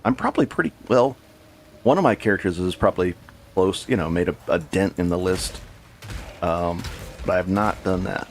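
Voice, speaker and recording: A low-pitched, animated game streamer chats with his audience at normal speed as he plays live, with a little background noise. His talk wanders, and he corrects himself along the way.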